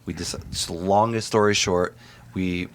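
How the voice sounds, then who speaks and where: A middle-aged man, a screaming vocalist, telling stories in a casual, animated interview with many restarts. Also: low-pitched, a little slow, slight background noise. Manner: rambling, animated storytelling with restarts.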